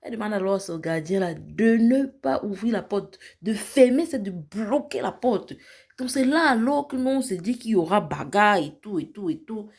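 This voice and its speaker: A woman's voice: medium pitch, expressive, moderate pace, vocal fry, darkish tone, slightly rough. A woman, a vlogger recapping a reality show in a casual storytelling way. She acts out the people she retells and drops into English phrases.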